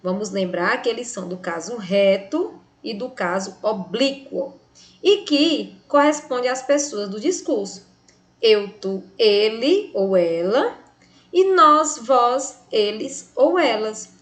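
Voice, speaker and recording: A Brazilian woman teaching a recorded grammar lesson, speaking slowly and clearly and stretching the example words to stress them. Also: on the high side, lively intonation. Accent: Brazilian Portuguese.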